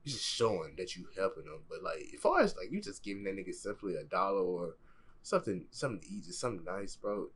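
Slangy young man reacting, husky voice. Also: sits low, sing-song, quick pace, a bit bright. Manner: profane, slangy, rambling with many likes and bros. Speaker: reaction video host. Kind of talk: casual reaction commentary.

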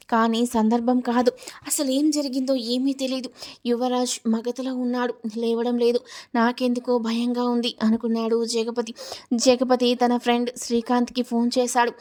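Even-toned woman reading a family serial story. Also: fairly high pitch, moderate pace. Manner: reads all characters' lines in her narrating voice, even tone. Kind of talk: scripted serial story narration.

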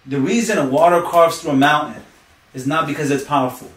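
A man's voice: on the high side, fairly quick, a bit bright, recorded from a distance. A man as a podcast guest, preaching motivation with sayings and analogies. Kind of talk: motivational talk. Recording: roomy sound from off-mic.

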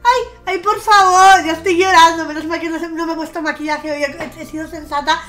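A young woman from comments on her game in a high, bright voice. She chats away, swears casually and bursts into gushing squeals. Soft game music plays faintly underneath. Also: fairly even intonation, fairly quick. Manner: gushing, squealing outbursts of delight. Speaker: streamer. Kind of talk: gameplay commentary.

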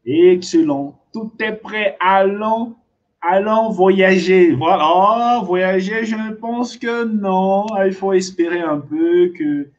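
A man with a high voice leads a live online language lesson, drawing each word out slowly and repeating it again and again. He is playful and chuckles often, and he moves between two languages. The audio is dull and lo-fi, like a livestream. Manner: drills words by slow repetition, playful, chuckles often; switches between French and Portuguese. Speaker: French teacher.

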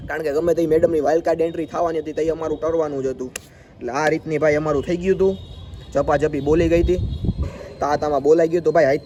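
A man's voice: a little high, highs cut off, slight background noise. A young man, telling a story in a casual vlog and acting out the exchanges. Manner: animated, acts out quoted exchanges. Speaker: vlogger. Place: outdoors by a school.

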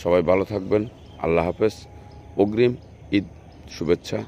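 A man's voice: sits low, steady tone, moderate pace, mellow, lo-fi sound, slight background noise. A man with a Bangladeshi Bengali accent walks through an outdoor plant nursery, showing the plants in a repetitive, salesy way as he points them out. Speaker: nursery video host. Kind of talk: casual walkthrough narration.

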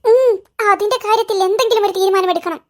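A performer voicing squabbling cartoon kids and their mother, bickering in a squeaky, sped-up comic style. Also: fast talker. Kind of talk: cartoon character voices.

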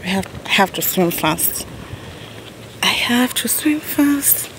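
A woman's voice: mid-range voice, slow pace, recorded from a distance, noisy background. Chatty young woman vlogging in an echoey room. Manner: chatty, animated, laughing often. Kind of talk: casual vlog chat to camera. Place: small indoor room, then outdoors by a pool. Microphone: phone camera set at a distance. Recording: echoey room, voice from off-mic, music behind.

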